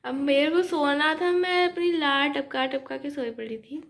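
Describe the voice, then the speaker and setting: Brief: teen girl vlogger, high-pitched, chatty and rambling, phone-camera sound. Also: steady tone, unhurried, gravelly, a bit bright. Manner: chatty, rambling, mixes Hindi and English. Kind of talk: casual vlog chat.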